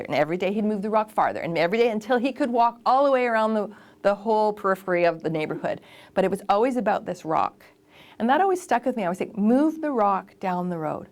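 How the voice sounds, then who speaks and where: A woman voice actor and casting director giving lively, emphatic advice in a conversational interview. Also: medium pitch.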